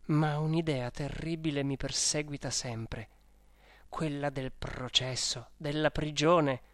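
An audiobook reader narrating a first-person diary story in a measured, even manner. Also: mid-range voice. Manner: slow, measured, even reading.

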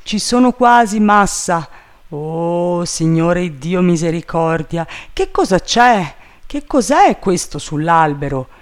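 A man voicing an eager, simple-minded male servant calling down from a tree, in a high, drawling, plaintive voice. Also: very animated, slow pace, full character voice.

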